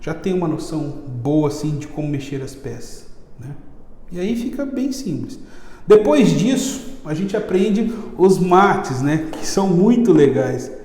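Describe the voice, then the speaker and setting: A man with a Brazilian accent, a chess teacher chatting casually in an interview and telling stories in a lively, slangy way. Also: a little high, unhurried. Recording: echoey room with long reverb.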